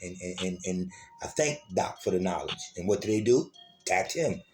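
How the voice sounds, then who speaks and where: A man's voice: low-pitched, expressive, moderate pace, a little mellow, soft background music. A man giving an informal, streetwise lecture as host of his own program, cursing freely, repeating words and calling to his listeners as y'all. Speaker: self-styled teacher of an online program.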